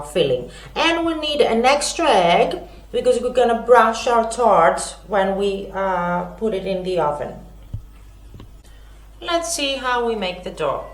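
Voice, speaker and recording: A woman's voice: mid-range voice, roomy sound. A woman hosting a home cooking lesson, chatty, with many fillers and self-corrections. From Greece. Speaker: cooking show host.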